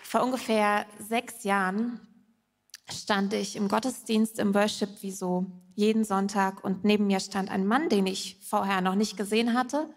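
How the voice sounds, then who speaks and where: A woman calmly telling a personal testimony on a church stage, with soft hesitations. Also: medium pitch, measured pace. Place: large church hall stage. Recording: long hall reverb.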